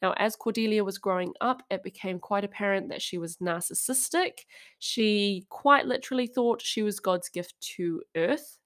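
A woman's voice: mid-range voice, normal speed, fairly bright tone. A young adult woman hosting a podcast, telling a true-crime story in a casual, chatty and wry way with frequent asides. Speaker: podcast host.

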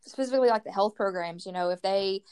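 A woman co-host chats casually about calling her students. Her voice is smooth and clear. She talks easily, with plenty of "like". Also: medium pitch, quick pace, a little mellow. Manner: casual, filler "like" often. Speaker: college staff co-host. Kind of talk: casual chat.

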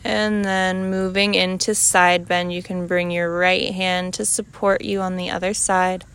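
Slow, smooth-voiced woman guiding yoga. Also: fairly low pitch. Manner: calm, unhurried cueing in short measured phrases. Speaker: yoga instructor. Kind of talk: guided yoga class instruction.

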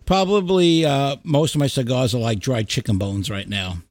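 On an audio show recorded over a remote Skype call, a middle-aged man hosts a podcast and chats bluntly and casually about music, his language salty and full of profanity. He speaks in a mid-range voice at a moderate pace, and the recording is dry and studio quality.

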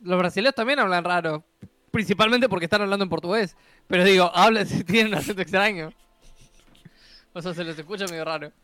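A man from Uruguay with a Uruguayan accent, co-hosting a podcast in quick, emphatic, argumentative casual chat. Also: high voice, pushed and bright, smooth, no echo. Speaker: podcast co-host.

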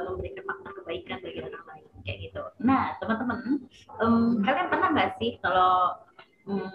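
A woman leads a casual group talk, asking questions and encouraging the others to share. Her voice sits in a roomy space with audible noise behind it and a slightly dull sound. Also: medium pitch. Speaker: discussion host. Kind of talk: casual chat.

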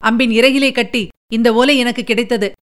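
A woman's voice: a little high, steady tone, moderate pace, lightly acted. A woman voicing an earnest male army general in an audiobook, delivering pressing reports. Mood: urgent. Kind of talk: audiobook character reading.

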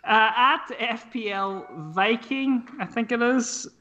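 A man's voice: extremely high pitch, takes it slowly, highs cut off, noisy background. A man with a Donegal Irish accent, chatting casually and swearing freely as a podcast guest.

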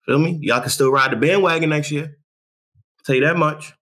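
A young man from New York talks sports on his own show, boastful and fired up. He leans on street slang, repeats himself for effect and keeps things animated. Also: fairly high pitch, moderate pace. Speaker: show host. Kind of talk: hyped sports talk monologue.

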